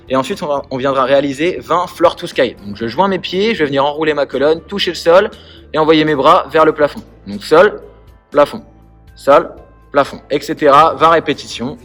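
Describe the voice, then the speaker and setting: Guy walking you thru exercises step by step, calm, a bit high-pitched, faint music. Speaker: CrossFit coach. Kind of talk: workout instruction.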